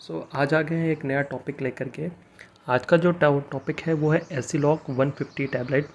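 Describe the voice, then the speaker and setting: A man reviewing a tablet on his channel, explaining it step by step, pausing often and mixing English terms into Hindi. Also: on the high side, fairly even intonation, a little hiss or hum. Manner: halting, many fillers and restarts, mixes English into Hindi. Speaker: pharmacy vlogger.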